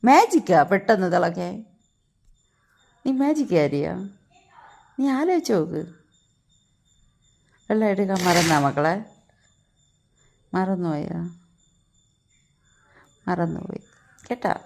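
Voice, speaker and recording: A woman's voice: on the low side, lively intonation, slow pace, vocal fry, pauses often, darkish tone. A young mother talking to her small child at home, scolding and teasing her in a playful way. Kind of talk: casual home vlog talk to her child.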